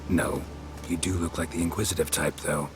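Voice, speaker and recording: An actor playing a gruff, stoic male monster hunter who speaks in a clipped, laconic way. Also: deep voice, steady tone, moderate pace, noisy background, close to an everyday voice. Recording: game audio under very loud music.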